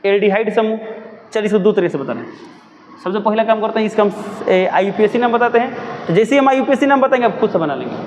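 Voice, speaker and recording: Quick, high-voiced teacher. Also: male voice, darkish tone, big-room sound, a little hiss or hum. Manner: repeats his own questions and answers them. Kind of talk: classroom chemistry lesson.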